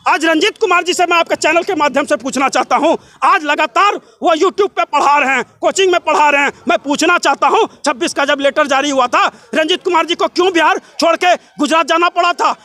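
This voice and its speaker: A young man with a Bihari accent giving an impassioned interview in a breathless, run-on, forceful way, piling up clauses, repetitions and rhetorical questions. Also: very high-pitched, fairly quick, few pauses, no room sound. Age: young adult. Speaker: job candidate and protester being interviewed.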